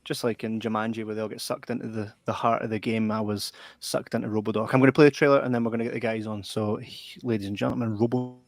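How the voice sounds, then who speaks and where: A man's voice: lowish voice, level tone, fast, hardly any pauses, no echo. A man hosting a casual podcast chat, enthusiastic and rambling with lots of restarts. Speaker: podcast host.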